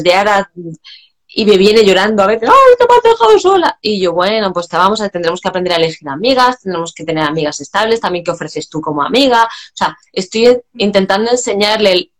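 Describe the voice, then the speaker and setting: A woman and mother of four talking casually about her children, quoting what she says to them. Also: mid-range voice. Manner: anecdotal, quotes her own words. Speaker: professional speaking as a mother. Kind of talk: casual conversation.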